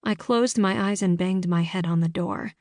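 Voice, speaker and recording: A woman reading first-person scripted narration for an audiobook in a measured storytelling manner, in a studio. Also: fairly low pitch, a little mellow, no echo.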